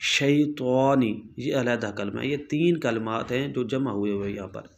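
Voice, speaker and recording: A man teaching the rules of Quran recitation, explaining patiently and repeating himself, slowly demonstrating pronunciations and checking in often with his students. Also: medium pitch, vocal fry, a little mellow. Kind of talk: explanatory tajweed lesson.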